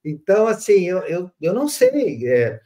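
A Brazilian man hosting a podcast, telling stories in a relaxed conversational way with frequent restarts. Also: high voice, normal speed. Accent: Brazilian Portuguese. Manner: animated storyteller with frequent restarts. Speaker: podcast host. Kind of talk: casual storytelling conversation.

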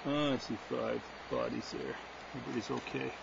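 A wildlife cam caretaker fixes a camera at an outdoor nest box, keeping up a casual running commentary to himself, thinking aloud with lots of fillers. His voice is medium-pitched with vocal fry, and he speaks briskly. The audio comes through the nest cam, muffled and lo-fi with noise.

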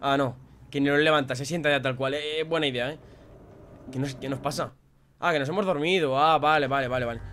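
Chatty Spanish gamer with music behind. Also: male voice, on the high side, brisk. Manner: chatty, muttering to himself, bursts of excited yelling. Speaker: gameplay youtuber. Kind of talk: let's play commentary.

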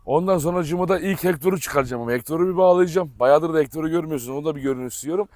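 A man filming a casual vlog outdoors in a yard, talking fondly to his dogs and explaining to viewers, with sharp commands now and then. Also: a little high, racing, no echo. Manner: affectionate baby talk to dogs, sharp commands. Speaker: dog breeder vlogger. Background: dogs barking.

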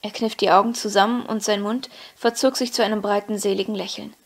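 A woman's voice: mid-range voice, steady tone, fairly quick. Woman reading a novel aloud. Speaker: audiobook reader. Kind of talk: scripted audiobook narration.

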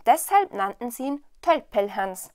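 A woman storyteller reading a fairy tale in a lively, expressive way. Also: a little high, unhurried, no room sound, studio quality. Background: soft waltz music.

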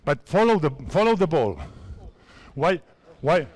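During an on-court coaching clinic, a Spanish basketball coach in his fifties, a native Spanish speaker, guides players through drills in a big indoor hall. His slightly high, sing-song voice is slow and deliberate, delivering short instructive commands as basketballs bounce in the background.

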